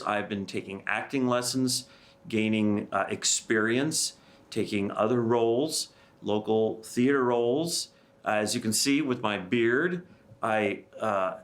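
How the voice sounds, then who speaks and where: A man who does local theater, talking earnestly and hesitantly about his acting experience and ideas. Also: mid-range voice. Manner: earnest, hesitant, many fillers. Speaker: amateur actor. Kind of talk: casual interview chat.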